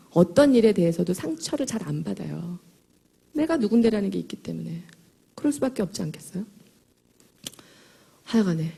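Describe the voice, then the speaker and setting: Husky, gravelly woman speaking to a hall. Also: mid-range voice. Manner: lively, chatty, emphatic, jokes with the audience. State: slightly hoarse. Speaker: motivational speaker at a sales event. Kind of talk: motivational talk to an audience. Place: large hall before a live audience.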